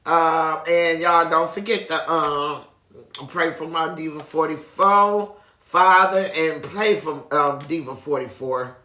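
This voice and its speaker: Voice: medium pitch, takes it slowly, pushed and bright. A person chatting casually and effusively to viewers as a video host, often repeating phrases. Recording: echoey room.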